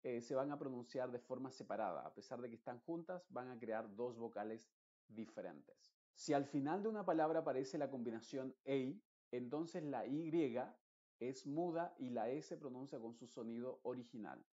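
A man's voice: mid-range voice, lively intonation, normal speed, dark tone. Dull-sounding man teaching pronunciation. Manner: explains patiently, stretches vowels, reads word lists aloud. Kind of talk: recorded online lesson.

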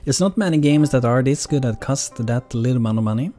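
A man streams a video game with casual, rambling commentary. His voice is mellow and medium in pitch, and he often repeats words for emphasis. Quiet music plays underneath. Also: expressive, quick pace. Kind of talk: casual live gameplay commentary.

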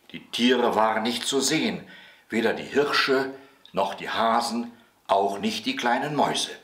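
A man reading a bedtime story aloud in a gentle, expressive way. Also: medium pitch. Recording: roomy echo.

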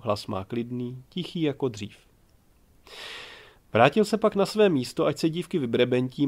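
Man, audiobook narrator, calm, measured, scripted narration. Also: mid-range voice.

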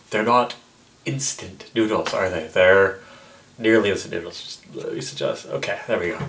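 A tipsy man in his twenties rambling casually to camera, halting and repeating himself with mock-indignant asides. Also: fairly low pitch, a bit bright, a little hiss or hum. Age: 20s. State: tipsy from drinking. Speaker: vlogger. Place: small indoor room with block wall, seated close to camera.

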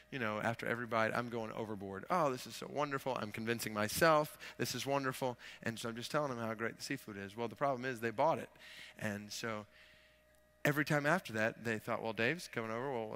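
A man in his thirties preaching a sermon as pastor, moving from quiet, conversational asides to loud, emphatic peaks. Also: lowish voice.

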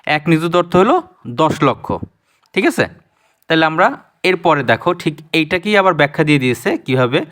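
A man's voice: on the high side, very animated, moderate pace, pauses often, fairly bright tone. A man with a Bangladeshi Bengali accent teaching a primary school math lesson online. He counts digits aloud and often stops to correct himself. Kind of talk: online lesson explaining place value.

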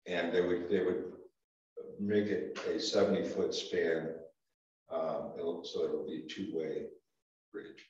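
Heard from a distant room camera in a town office meeting room, the audio is echoey and dull. Chairing a small-town board meeting, an older Vermont-accented man speaks low, flat, slow and a little mellow, with many ums and false starts.

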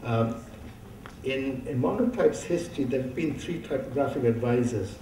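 A man speaks into a lectern mic in a large auditorium, his voice mellow and soft-edged. He reminisces in a halting way, with many fillers and restarts. The sound is roomy and distant, picked up from far across the hall, with faint background hiss. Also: medium pitch. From India. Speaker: keynote speaker. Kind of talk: conference keynote talk. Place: large dark auditorium stage. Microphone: lectern microphone, heard from far off.

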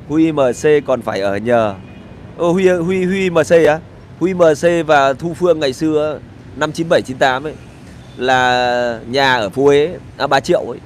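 A man's voice: medium pitch, slight background noise. A middle-aged man, ranting sarcastically and crudely in a casual vlog from a street. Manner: sarcastic, crude and rambling, with swearing. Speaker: vlogger. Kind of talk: casual outdoor vlog rant.

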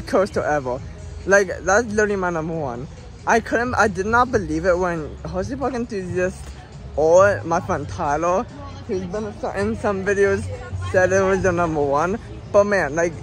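Young male American vlogger, high hoarse voice, excited and halting, phone at arm's length outdoors. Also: poor audio. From Pennsylvania, United States. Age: young adult, late teens. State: hoarse, voice lost from screaming. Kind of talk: casual vlog talk to camera. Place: outdoors in an amusement park.

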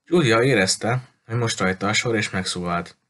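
Low-voiced man reading an audiobook. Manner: steady storytelling. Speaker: audiobook narrator.

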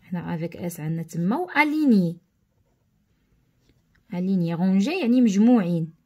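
A woman's voice: fairly low pitch, animated, fairly quick, mellow. A woman with a Moroccan accent explaining a French lesson to schoolchildren, mixing French terms into her Arabic and often checking that the class has understood. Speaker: teacher.

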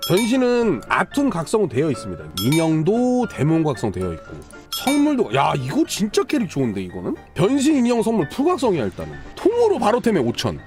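A man in his thirties streaming a mobile game live, bantering with viewers and shouting at the game when things go wrong. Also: high-pitched.

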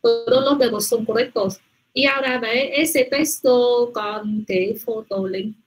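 Slow, husky woman teaching a class. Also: a little high, faint music behind, poor audio. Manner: patient, repeats "muy bien" and "¿vale?" often. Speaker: Spanish teacher.

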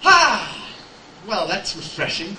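A man's voice: sits high, big pitch swings, slow pace, noisy background. A male comedian on a club stage, joking in a self-mocking way. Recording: echoey live club recording from far off, music.

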